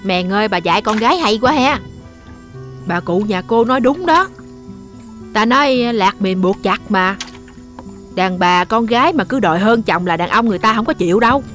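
A woman's voice: medium pitch, animated, normal speed, fairly bright tone, soft background music, lightly acted. An actress playing a nosy woman passenger who chimes in with preachy advice.

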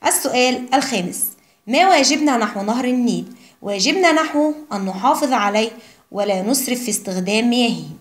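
Slow, careful woman teaching. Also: fairly high pitch, expressive. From Egypt. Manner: slow, deliberate reading of word lists. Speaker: primary school Arabic teacher. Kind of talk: recorded classroom lesson.

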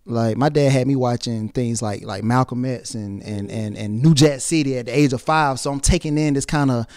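A man's voice: medium pitch, moderate pace, a little mellow, clean tone, dry recording, studio quality. A young man from the Atlanta area, talking loosely as an interview guest and saying "you know what I'm saying" a lot, into a handheld mic. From South Side of Atlanta area. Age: young adult. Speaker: rapper and actor, interview guest. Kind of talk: casual interview.

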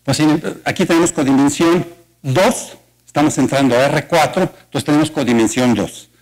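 A university math colloquium unfolds in a lecture auditorium, led by a man with a Mexican Spanish accent whose voice is a little high and a little mellow, at a normal speed. He lays things out step by step and asks rhetorical questions, though the recording is rough.

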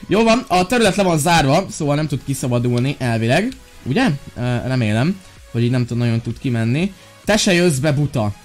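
A young man from Hungary playing Minecraft, joking around and shouting commands in playful role-play with lots of fillers. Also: medium pitch, expressive, faint music behind. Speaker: gaming YouTuber.

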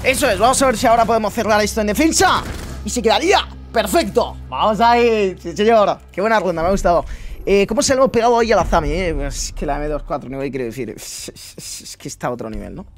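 A young man from Spain with a Spanish accent, chatting excitedly and casually to viewers while commentating his own gameplay. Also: high-pitched, fast talker, faint music behind. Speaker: gaming YouTuber. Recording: noisy with game sound. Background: game sounds.

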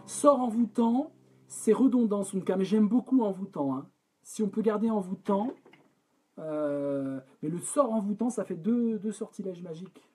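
A man's voice: high-pitched, husky. A French man writing a song live, singing draft lines over guitar and talking through syllable counts with the chat. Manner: sings lines over guitar, then breaks off to talk quickly and softly about syllables. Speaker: songwriter leading a live collaborative session.

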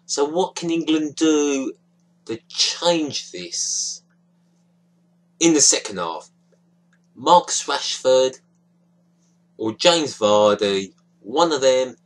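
A man's voice: mid-range voice, rough recording. A young man giving a frustrated, disappointed football match reaction into a webcam in a small dim room. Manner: frustrated, disappointed, gestures a lot with hands. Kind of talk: casual webcam commentary. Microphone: webcam at close range.

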